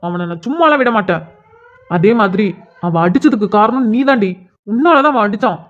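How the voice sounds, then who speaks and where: Woman playing an angry older cartoon boy throwing threats, kinda high for a boy, dull sound. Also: animated, fairly quick, natural voice. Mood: threatening. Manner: shouting accusations, harsh threats. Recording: dull lo-fi audio.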